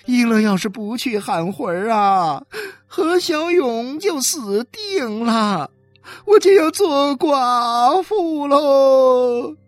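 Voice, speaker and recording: A woman's voice: sits high, lively intonation, slow pace, no echo, faint music behind. A woman voicing a desperate wife who is crying and pleading for her dying husband, with a wailing, tearful delivery. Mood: lamenting. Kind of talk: dramatic reading.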